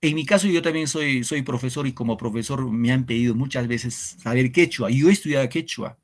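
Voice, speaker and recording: Talking fairly quickly in a mid-range voice, a man from Peru leads an online literature lesson for secondary school students. His tone is sincere and thoughtful, and he frequently asks rhetorical questions.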